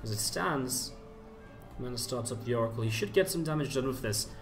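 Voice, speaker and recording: With music underneath, an esports commentator gives animated, slightly fast play-by-play of a video game. His medium-pitched voice is recorded from a distance, and he stays informal and talkative, reasoning aloud as the game unfolds.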